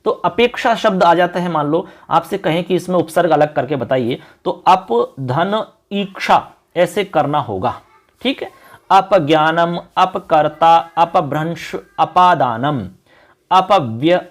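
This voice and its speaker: A man with a fairly high voice teaches an exam-prep lesson in an unhurried, explanatory way. He repeats each term and keeps directing the students to look at the examples. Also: very animated. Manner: repetitive, explanatory, often says "look".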